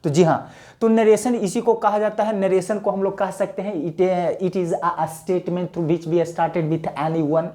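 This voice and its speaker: In a high-pitched but mellow voice, a man with a Bihari accent teaches English grammar to camera slowly and with a steady tone. The casual lesson is playful and talkative; he calls his viewers "sir" and answers his own questions.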